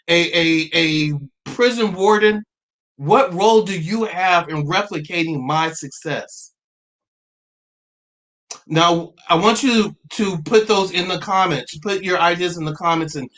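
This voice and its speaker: A man in his forties hosts a livestream in a somewhat high voice, speaking earnestly. He halts and restarts often, and now and then laughs at himself as he reads out viewer comments. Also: a bit bright. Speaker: livestream host. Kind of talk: live-streamed talk reading viewer comments.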